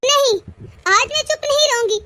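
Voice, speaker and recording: A woman voicing a furious young wife in a cartoon who stands up to her husband, shouting defiant accusations. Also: extremely high pitch, moderate pace, dry recording.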